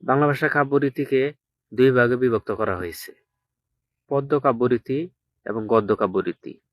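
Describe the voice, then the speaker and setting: A man teaching an exam-prep lesson, dictating slowly and repeating each point so students can note it down. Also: mid-range voice, fairly bright tone, dry recording.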